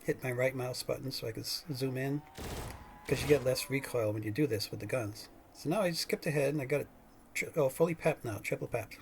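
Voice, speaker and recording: A man's voice: medium pitch, fairly quick, vocal fry, slight background noise. A man hosting a gaming channel, giving casual, rambling gameplay commentary full of fillers and restarts.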